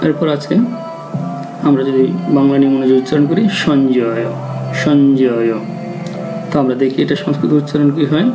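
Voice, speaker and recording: A man teaching Sanskrit pronunciation. He explains each word and chants the verse slowly. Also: fairly high pitch, level tone. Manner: slow, deliberate chanting of verse. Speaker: teacher of Gita recitation. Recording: dull lo-fi sound with faint music.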